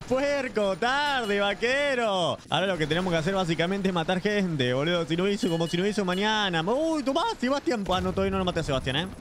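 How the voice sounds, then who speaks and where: A man with a Rioplatense Spanish accent giving excited live gameplay commentary, yelling and swearing in bursts. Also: sits high, fast talker, few pauses, slight background noise. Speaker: gaming YouTuber.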